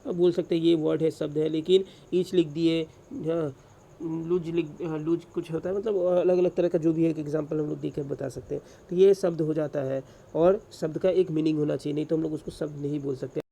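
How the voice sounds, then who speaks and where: Gravelly-voiced man lecturing. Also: on the high side, fairly even intonation, a little fast, mellow. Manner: rhetorical questions answered himself, frequent fillers. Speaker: English teacher. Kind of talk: classroom lecture explaining grammar.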